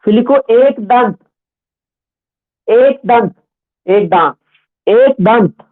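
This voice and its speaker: A man teaching a Hindi grammar class, slowly dictating words and repeating each one for students to write. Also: extremely high pitch. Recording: tinny phone-like sound.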